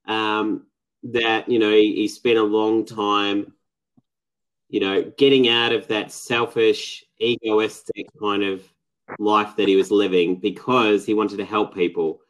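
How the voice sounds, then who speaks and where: A man's voice: fairly low pitch, flat delivery, takes it slowly, rough recording. A man, a guest on a podcast, talking casually and reflectively, with many fillers and restarts. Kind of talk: casual interview talk.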